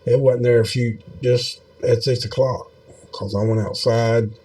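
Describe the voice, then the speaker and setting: A man's voice: mid-range voice, fairly even intonation, measured pace, dark tone. A man giving casual, rambling video commentary in a folksy, meandering way, with many fillers. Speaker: video host.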